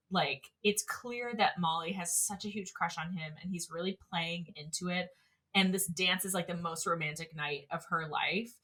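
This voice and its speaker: A woman's voice: fairly low pitch, bright, forceful tone. A woman in her thirties co-hosting a podcast in casual chat, chatty and laughing often. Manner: chatty, laughs often, compares with the original version. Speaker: podcast co-host.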